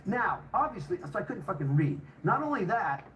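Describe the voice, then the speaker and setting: A man's voice: high-pitched, big pitch swings, normal speed, noisy background. An older man telling a personal story in a casual, rambling way, swearing heavily and restarting sentences.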